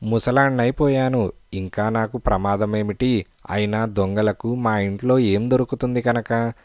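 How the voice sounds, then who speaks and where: A man voicing a gentle blind old man. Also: on the low side, fairly even intonation, moderate pace, no room sound, clean studio sound, close to an everyday voice. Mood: weary, gentle. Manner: sad, resigned, kindly. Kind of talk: storybook narration.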